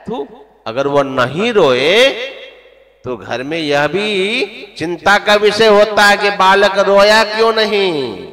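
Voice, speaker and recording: Male preacher, high voice, slow emphatic storytelling, devotional sermon, long hall echo at a gathering. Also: lively intonation, a crowd in the background. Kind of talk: devotional sermon with sung verses. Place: religious gathering.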